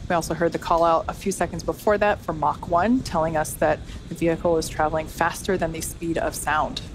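A woman's voice: sits low, little pitch movement, fairly quick. A woman hosting a launch webcast, giving conversational, explanatory live commentary. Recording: faint background noise.

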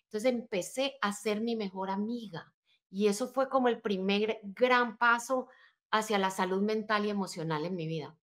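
Woman coach telling her story, earnest, upbeat, keeps saying "right?", mid pitch. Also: moderate pace, fairly bright tone. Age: adult, married with children. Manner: earnest and motivational, often asks "¿verdad?". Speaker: life and business coach, podcast guest. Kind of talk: conversational interview, personal story.

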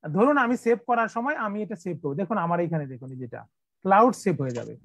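A man from Bangladesh runs an online computer training for teachers over a video call. He explains each step, repeats himself often and fills pauses with "uh". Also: sits high, very animated, no echo. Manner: instructive, repetitive, many "uh" fillers.

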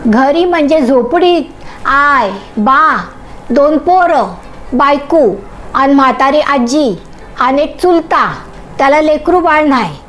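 A woman's voice: high voice, animated, slow pace, fairly bright tone, a little hiss or hum, exaggerated voice. A woman voicing a poor, timid thief from a village who stammers and hesitates. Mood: sheepish. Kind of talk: storybook character voice.

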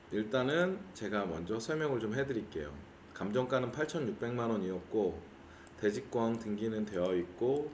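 A middle-aged man, host of an auction channel, giving a measured explanatory lecture that slows to stress key points. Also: mid-range voice. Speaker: auction investor explaining cases. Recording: roomy echo, faint background hiss.

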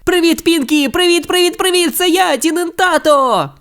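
A man voicing an excitable, childlike grown-up dad who shouts eagerly at a stage play. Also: extremely high pitch, moderate pace, pitched above the performer's own voice.

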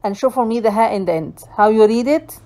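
A woman leads a tajweed lesson at a very unhurried pace. She recites each phrase syllable by syllable with a somewhat high voice and breaks in with short corrections on pronunciation. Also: dark tone. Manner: slow, drawn-out syllable-by-syllable recitation with brief corrections. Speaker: Quran recitation teacher.

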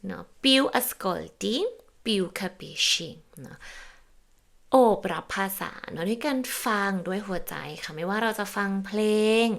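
Gentle creaky-voiced woman teacher. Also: medium pitch. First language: Thai. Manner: gentle and encouraging, often switching into slow spoken Italian; adds a soft confirming particle to many sentences. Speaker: Italian teacher. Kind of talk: casual language lesson.

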